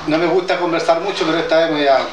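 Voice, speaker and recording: This halting man, a traditional healer from southern Chile and a native Mapudungun speaker, gives an informal address to an audience in an indoor meeting hall. His voice is on the high side with a steady tone, and he speaks hesitantly and plainly, restarting often. Because he is distant in an echoey hall, the audio sounds roomy and noisy.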